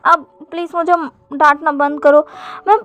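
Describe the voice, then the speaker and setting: A woman's voice: sits high, flat delivery, normal speed, a bit bright. A woman voicing a careless young man who pleads with his friends, in a fan story. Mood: pleading. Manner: pleading, whiny.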